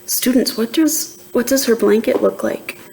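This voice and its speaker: Her voice is fairly high and gravelly as she reads a children's picture book aloud. Like a teacher, she's deliberate and expressive, pausing to ask young listeners questions.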